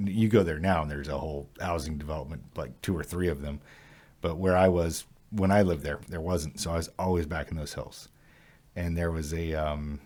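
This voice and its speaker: A man with a very deep voice co-hosts a casual podcast. He is from Utah and California and talks haltingly with many fillers. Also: darkish tone. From Utah and California, USA. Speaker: podcast co-host.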